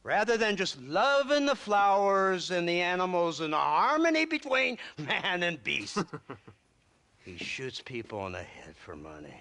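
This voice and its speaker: An actor playing a smug, condescending government agent in a video game, with a pompous, sardonic, theatrical delivery. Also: male voice, high-pitched, very animated, measured pace, sharp tone, exaggerated voice. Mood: mockingly animated. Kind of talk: dramatic video game acting.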